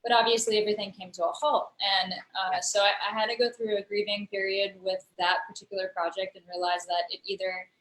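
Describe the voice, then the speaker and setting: A digital storyteller and musician from the United States talks a little fast, with hardly any pauses, as a guest on a remote interview over a video call. Her medium-pitched, fairly bright voice shows little pitch movement. The audio is poor and echoey, and her casual, lengthy explanation of her work is thoughtful and full of fillers.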